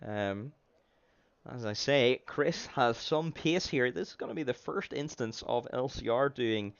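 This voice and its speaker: A chatty man commentates a sim race with a relaxed, rambling flow and plenty of fillers. His voice sits at a medium pitch and comes through a dull, lo-fi stream mic. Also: a little slow, gravelly, clear, resonant tone, no echo. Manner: chatty, laughs easily, many fillers. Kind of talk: casual live race commentary.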